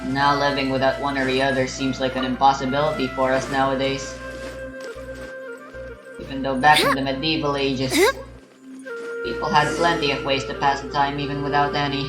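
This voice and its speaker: A young man with a mid-range voice records a playthrough, rambling casually about the game at a normal speed and in a completely flat tone. He muses aloud, hesitates, and keeps correcting himself. The sound is roomy, with game music playing behind him.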